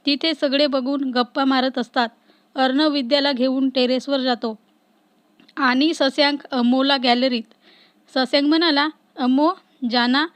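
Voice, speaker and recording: A woman reading a story aloud as narrator in a steady, even way, close to the mic. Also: high-pitched, no echo. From Maharashtra, India.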